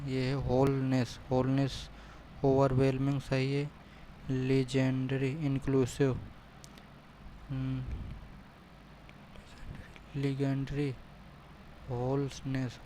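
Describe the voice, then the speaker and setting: A man working through a mock exam aloud, repeating each option and reading English sentences slowly before explaining in Hindi. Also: mid-range voice, mellow, a little hiss or hum, low-quality recording. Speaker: exam prep tutor. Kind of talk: solving a mock test aloud.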